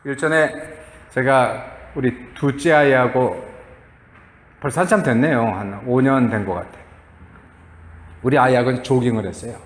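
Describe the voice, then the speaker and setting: A middle-aged man preaching a sermon as a pastor, telling stories with animated acted-out quotes and chuckles. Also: medium pitch, moderate pace, pauses often. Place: church sanctuary. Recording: echoey church hall.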